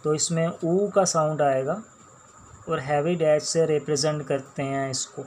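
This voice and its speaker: Slow, patient Pakistani shorthand teacher, a man. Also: on the high side, fairly even intonation, darkish tone, slight background noise. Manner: slow, patient, repeats each sound and word. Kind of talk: classroom lecture while writing on a board.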